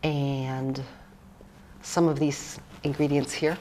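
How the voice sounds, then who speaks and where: Low-voiced woman, easygoing cookbook author demoing dishes, rambly and joking; slight background hiss. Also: flat delivery, slow pace, mellow. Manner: chatty, rambling, with fillers and jokes. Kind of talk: casual cooking demonstration chat.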